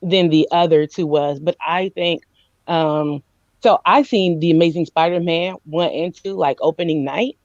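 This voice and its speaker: Excitable woman reviewing movies, muffled and dry. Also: low voice, moderate pace, no room sound. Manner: excitable, acts out scenes with squealing quoted voices. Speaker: podcast co-host. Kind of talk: casual movie review chat.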